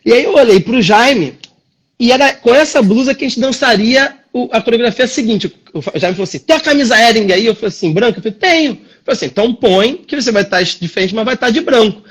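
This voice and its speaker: A Brazilian man, a dance teacher, telling a story in casual chat on a livestream, animated and acting out the dialogue. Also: very high-pitched, quick pace, slightly rough. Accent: Brazilian Portuguese. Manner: animated, acts out quoted dialogue. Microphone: phone or computer on a live video stream.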